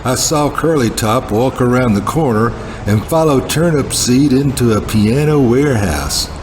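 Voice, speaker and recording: A man playing a self-important, slangy hardboiled sleuth, narrating a film noir parody in a terse deadpan. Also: medium pitch, normal speed, noisy background, close to an everyday voice. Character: self-important hardboiled male private-eye type, slangy bank manager. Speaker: narrator and lead character. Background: music under the voice.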